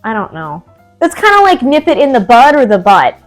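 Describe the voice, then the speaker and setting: Talking briskly in a fairly high voice with huge swings in pitch, this young DIY vlogger fills her casual, at-home walkthrough of a project with fillers. A dry, wheezy cough interrupts her, and faint music plays in the background.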